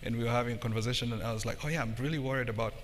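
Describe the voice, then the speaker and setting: Speaking at a racing pace in a medium-pitched voice, a middle-aged Kenyan man serves as a conference panelist; he is an internal audit executive at a tech company. The live hall recording is echoey and carries background noise.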